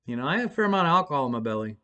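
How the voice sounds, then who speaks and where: A middle-aged man rambles casually through a profane, self-mocking story, full of fillers and restarts and broken up by bursts of excited shouting. His voice is medium-pitched and he races along. The highs in the recording are cut off.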